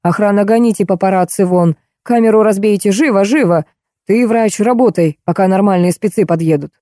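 A woman voicing a domineering male boss yelling frantic orders in a storybook reading. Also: mid-range voice, a little fast, dry recording, studio quality, lightly acted. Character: panicky domineering male boss stamping his feet.

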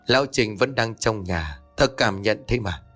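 A man voicing a stern old village exorcist who talks in a gruff, commanding way in a narrated horror story. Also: fairly low pitch, lively intonation, moderate pace, fairly bright tone, faint music behind.

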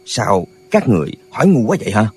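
A man's voice: lowish voice, big pitch swings, fast, a little hiss or hum. A man voicing a brash, simple-minded old martial artist in an audiobook, blunt and mocking. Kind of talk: audiobook character voice.

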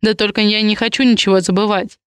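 A woman's voice: mid-range voice, steady tone, fast, clear, resonant tone, dry recording, lightly acted. A woman reading an audiobook, voicing a protective, possessive young man in clipped, blunt lines. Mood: gruff.

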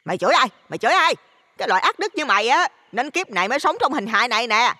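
A man voicing a shrill, brawling middle-aged mother who shouts insults, with a Southern Vietnamese accent. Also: very animated, racing, long reverb tail, exaggerated voice. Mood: furious.

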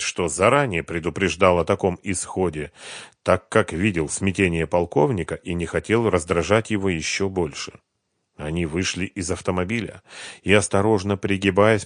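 Low-voiced male audiobook narrator. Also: dry recording, clean studio sound. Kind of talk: scripted narration of a thriller novel.

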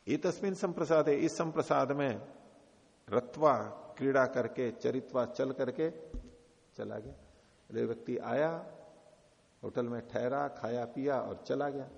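A man with an Indian accent giving a scripture lecture, explaining slowly, chanting Sanskrit quotes and asking and answering his own questions. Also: mid-range voice, creaky, darkish tone. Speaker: Vedanta teacher. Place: ashram lecture hall. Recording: dull lo-fi audio, long hall reverb.

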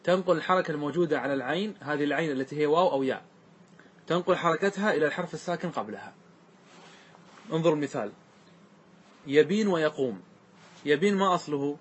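A man teaching a classroom grammar lesson, slowly repeating word forms and often checking that his students follow. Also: on the high side, animated, slightly rough. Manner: asks students frequent check questions; repeats words slowly to show their forms.

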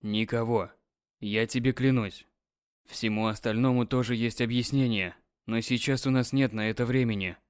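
A man voicing a calm, insistent, controlling husband in an audiobook, soothing but commanding. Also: mid-range voice, normal speed, clear, resonant tone, no room sound, studio quality, close to an everyday voice. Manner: firm, soothing yet commanding. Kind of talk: audiobook character reading.

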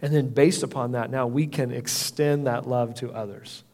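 A man's voice: mid-range voice, steady tone, moderate pace, darkish tone. A middle-aged man preaching a sermon as pastor, earnest and conversational, often restarting his phrases. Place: church hall. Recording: long reverb of a church hall.

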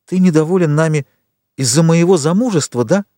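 A man's voice: a little high, a little fast, dark tone, dry recording, studio quality, pitched above the performer's own voice, lightly acted. A man reading an audiobook, voicing a young woman who earnestly implores her grandfather. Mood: imploring.

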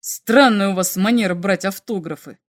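A woman's voice: mid-range voice, big pitch swings, a little slow, mellow, no room sound, clean studio sound. A woman doing a defiant young space captain. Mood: irritated. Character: bold young male starship captain.

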